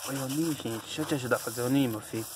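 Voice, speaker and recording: Filming his dog giving birth, a man talks to her in soothing baby talk that often sinks to a whisper, narrating in a casual vlog style. His medium-pitched voice comes out rapid-fire, with background noise in the recording.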